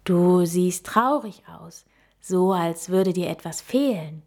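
A woman voicing a wise old female owl in a storybook reading, speaking calmly and gently. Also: lowish voice. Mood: gentle. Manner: calm, gentle and unhurried.

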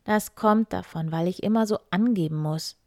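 A woman voicing a boastful old miller who talks loudly and quickly. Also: on the low side, no echo, close to an everyday voice. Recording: dry close recording.

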